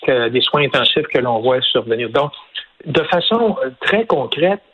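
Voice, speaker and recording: A man with a Québécois French accent speaks as a radio guest, laying out his points one by one. He is deliberate, with frequent fillers and restarts. His slightly husky voice comes through a muffled, lo-fi line. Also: mid-range voice, expressive. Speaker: business association president, guest. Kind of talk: radio interview, explaining policy.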